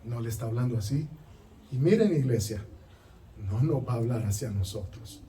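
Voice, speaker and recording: A male pastor with a Honduran Spanish accent preaching an animated, emphatic sermon with touches of humor. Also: medium pitch, normal speed, distant mic, a little hiss or hum.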